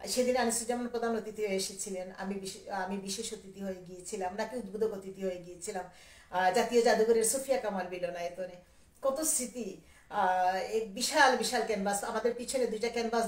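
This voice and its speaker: Give me a rambling woman poet from Sylhet, roomy and far off. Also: mid-range voice. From Sylhet, Bangladesh. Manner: rambling and animated, quotes others in dialogue. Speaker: poet and writer. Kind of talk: casual reminiscing monologue on a live video. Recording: echoey room, voice a little far from the mic.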